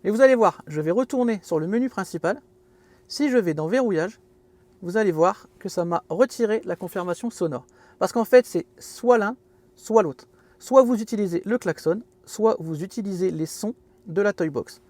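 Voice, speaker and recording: A man's voice: sits high, normal speed, a little mellow, dry recording. A man hosting a casual car walkthrough from inside his parked car, chatty and fond of self-mocking jokes. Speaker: car video host.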